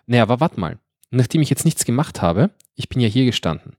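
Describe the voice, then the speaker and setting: A man plays a board game he is still learning in a casual podcast chat. He keeps stopping to check the rules, with filler words and restarts. His voice is mid-pitched and sits dry and close to the mic. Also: sing-song, fast, darkish tone, dry recording. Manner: hesitant, checking rules with many questions.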